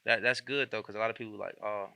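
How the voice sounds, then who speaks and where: A man's voice: fairly low pitch, steady tone, fast, gravelly, pushed and bright, clean tone, no echo. A young man from Indianapolis hosting a casual interview, laid-back and slangy with lots of fillers. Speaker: podcast host.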